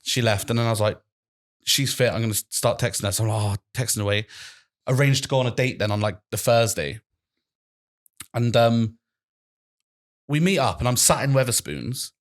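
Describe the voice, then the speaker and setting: A man's voice: medium pitch, lively intonation, moderate pace, pauses often. Young man, twenties, casual podcast storytelling, rambling, swears. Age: 20s. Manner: rambling, swears a lot, laughs through the story. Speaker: podcast co-host.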